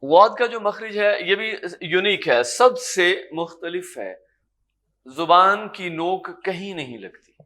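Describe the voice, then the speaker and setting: Man, Pakistani Urdu accent, tajweed lesson, somewhat high voice, drawn-out letter sounds, patient teacher. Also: lively intonation. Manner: sounds out Arabic letters slowly, drawn-out and loud. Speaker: Quran recitation teacher. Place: lecture room.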